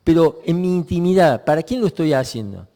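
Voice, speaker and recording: Guy preaching a sunday sermon, kinda high but mellow voice, lots of pauses, echoey church sound. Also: lively intonation. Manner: reflective, with many pauses and restarts.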